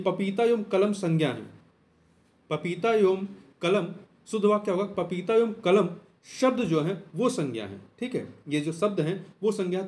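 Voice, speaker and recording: A man teaching exam answers, patiently repeating key words and slowing down to spell them out. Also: high voice, darkish tone. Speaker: Hindi exam-prep teacher. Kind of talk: explaining test answers.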